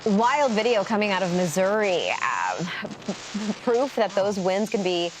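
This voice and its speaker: A woman's voice: medium pitch, very animated, a little slow, noisy background. A woman presenting live TV weather in a chatty, informal way, thinking aloud. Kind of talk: live weather commentary, conversational.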